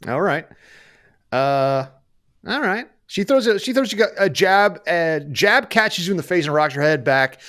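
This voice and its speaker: A man working as game master, improvising narration for a tabletop game in an animated, conversational way. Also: fairly high pitch, a little slow.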